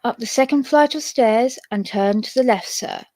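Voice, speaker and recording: A brisk, helpful country innkeeper who rattles off practical directions, read by a woman in her own voice. The voice sits fairly high and sounds dry and close. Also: darkish tone, no echo, lightly acted.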